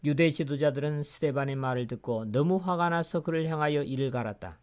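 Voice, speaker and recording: A man reads scripture in a measured, solemn way. His voice is smooth and resonant, pitched slightly high. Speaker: scripture reader. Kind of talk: scripture reading.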